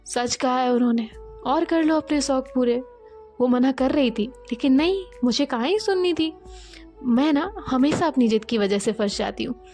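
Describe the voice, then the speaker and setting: An impulsive young woman student who trips over her words when flustered, as a woman narrator voices her. Her voice sits fairly high, with faint music behind. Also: normal speed, dark tone. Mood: grumbling to herself. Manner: flustered, stammering.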